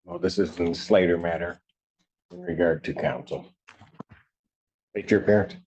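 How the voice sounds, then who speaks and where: A man presiding as judge in a courtroom recording, speaking formally and haltingly with frequent pauses and filler sounds. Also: low voice, steady tone, a little mellow. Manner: measured, halting, many ums. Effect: courtroom audio recording. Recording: muffled courtroom recording, faint hiss.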